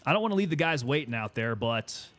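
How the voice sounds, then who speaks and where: Quick and animated, a male gaming streamer with a medium-pitched, slightly bright voice comments casually on his play. He keeps thinking aloud and chatting with the teammates he's playing alongside.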